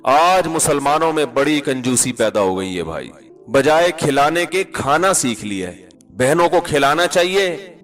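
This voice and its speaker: A man's voice: fairly high pitch, expressive, fairly bright tone, soft background music. A man preaching a sermon as a mufti, chatty and teasing, often asking listeners if he is right and quoting Arabic scripture.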